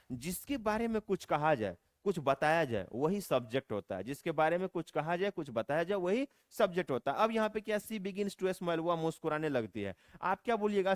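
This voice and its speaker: A man gives a grammar lesson in a smooth, clear voice that sits a little high for a man. He repeats every point and keeps asking his listeners rhetorical questions, slowing right down on each English example sentence. The sound is dry and close, with almost no room echo. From India. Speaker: spoken English teacher. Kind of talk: classroom lecture explaining grammar.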